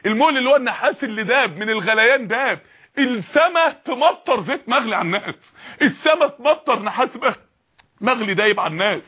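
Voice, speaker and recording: A man's voice: very high-pitched, pushed and bright, slightly rough. A man with an Egyptian accent preaching a sermon, fiery and full of repeated rhetorical questions.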